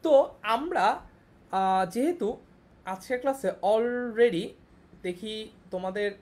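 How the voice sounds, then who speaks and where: A young woman gives an online lesson in a slightly high voice. She teaches patiently, repeating each point and often checking that her students understand. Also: animated, slow, darkish tone. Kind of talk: online class lecture.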